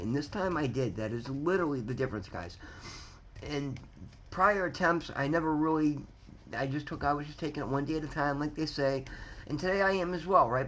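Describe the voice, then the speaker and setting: A man in his fifties speaks earnestly to his viewers in a casual, heartfelt motivational talk. His voice sits at a middle pitch, and he often trips over and repeats words before pressing on, with faint background noise in the recording. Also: fairly bright tone, poor audio. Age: 50s. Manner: earnest, rambling, repeats words and restarts, often says "guys". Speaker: vlogger sharing recovery story.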